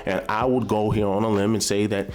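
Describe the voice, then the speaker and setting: A man's voice: on the low side, level tone, brisk, darkish tone. A man giving opinionated reaction commentary, rambling and repeating himself as he makes his point. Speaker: commentary host.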